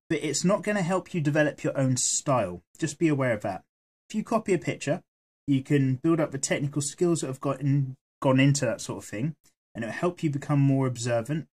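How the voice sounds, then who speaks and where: A man chatting casually while he draws, rambling and swearing freely as he goes, with a voice that is going hoarse. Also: mid-range voice, darkish tone. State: losing his voice. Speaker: art vlogger. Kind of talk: casual chat while drawing.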